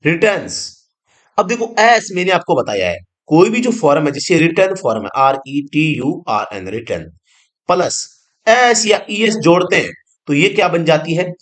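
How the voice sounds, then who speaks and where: Male teacher, fairly high and very animated pitch, repeats words, quizzes the class. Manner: explains slowly, repeats each word and meaning, asks the class questions. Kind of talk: online exam-prep grammar lesson.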